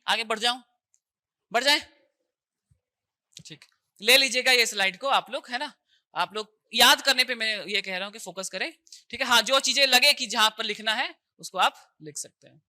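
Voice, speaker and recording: A man's voice: extremely high pitch, moderate pace, pushed and bright. A man teaching an exam coaching class, chatty and repetitive, quizzing students with call-and-response questions.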